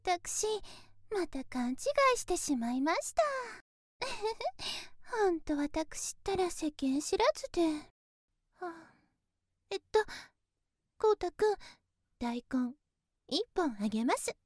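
A woman plays a sheltered, innocent young lady in a one-sided voice drama, her voice pitched extremely high and sweet. She speaks in very polite, airy formal speech, trusting and naive. The sound is close and completely dry, with no room around it. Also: big pitch swings, takes it slowly, pauses often, dry recording, heavily acted.

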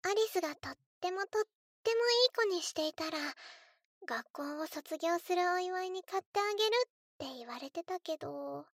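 A woman's voice: very high voice, lively intonation, normal speed, fairly bright tone, no room sound, clean studio sound, heavily acted. A woman voicing a spoiled, eerily sweet little girl in a scripted role-play, cutesy and coaxing as she speaks to the listener as if to her doll. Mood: wistful, sweet. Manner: cutesy, coaxing, childlike, refers to herself in third person.

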